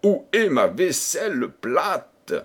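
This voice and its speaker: A man's voice: a little high, very animated, slow, fairly bright tone, slightly rough, exaggerated voice. A man voicing an angry old king from a storybook, roaring commands and threats at his household. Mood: furious.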